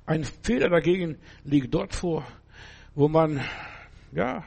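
An older male preacher delivers a sermon in a husky, slightly high voice. He sounds emphatic and conversational, and he keeps turning to his listeners to ask whether they follow. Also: lively intonation, slow pace, a little mellow.

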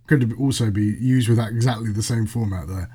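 A man's voice: fairly low pitch, fairly quick, dark tone, husky. A man in a casual podcast chat, playful and steering the talk along. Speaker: podcast co-host.

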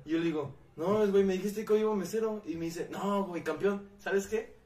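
This young man's high-pitched, brisk voice is picked up from afar with a roomy sound. Speaking with a Mexican accent, he animatedly recounts a story to friends, swearing liberally and voicing the people involved.

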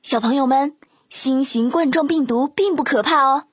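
A woman's voice: high voice, moderate pace, no echo, clean studio sound. A woman narrating a children's story in a sing-song, coaxing way.

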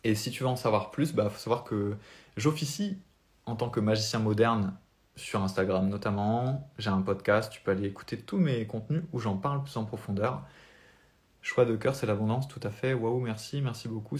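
With no notes in front of him, a young French life coach with spiritual leanings offers earnest encouragement over a live stream. His accent is French and his pitch medium.

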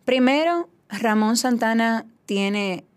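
A woman's voice: a little high, lively intonation, takes it slowly, clear, resonant tone. A woman, an actress chatting enthusiastically as a guest in a radio interview. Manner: effusive, enthusiastic.

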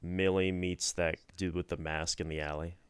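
A young man co-hosting a podcast in a laid-back way, with a groggy morning voice, listing things in an even run. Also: low-pitched, normal speed, clear, resonant tone, no room sound. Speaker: podcast co-host. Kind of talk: casual chat.

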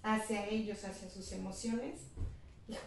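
A woman's voice: mid-range voice, steady tone, moderate pace, a little hiss or hum. A woman hosting a chat, agreeing and adding her own thoughts. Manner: agreeable, affirming, chimes in. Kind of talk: casual conversation. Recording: echoey room, distant mic, faint ambience.

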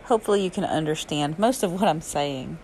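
A woman's voice: low-pitched, animated, fairly quick, darkish tone, slight background noise. A woman with a Southern US accent and drawl, hosting a chatty solo podcast in casual, slangy regional speech. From Alabama, southern United States. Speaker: podcast host and yoga and fitness teacher.

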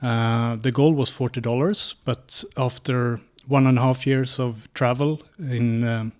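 A Swedish man in his thirties answers interview questions in a calm, orderly way, often stopping on a drawn-out "uh" to find the next word. His voice sits in an ordinary middle pitch. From Sweden. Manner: steady, methodical telling with many "uh" pauses. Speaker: guest.

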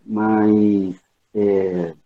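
Man, lowish husky voice, on a video call with his phone held away, tinny phone line, hesitant and repetitive. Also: level tone, extremely slow. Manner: hesitant, repeats words and restarts. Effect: talking on a video call with the phone held away, sound low and distant. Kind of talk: casual group video-call chat.

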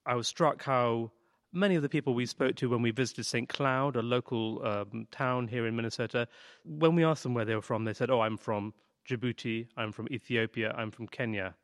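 A man with a mid-range voice explains things in a measured, reflective way and picks his words carefully. The recording is dry and close. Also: mid-range voice, dry recording. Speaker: reporter. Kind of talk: studio discussion.

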